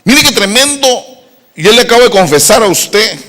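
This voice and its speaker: A middle-aged man preaching, his fairly high voice swinging widely as he drives home repeated rhetorical questions. The sermon rings out with a long echo from a large hall. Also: very animated, normal speed, bright, forceful tone. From Costa Rica. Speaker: pastor. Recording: echoey hall reverb.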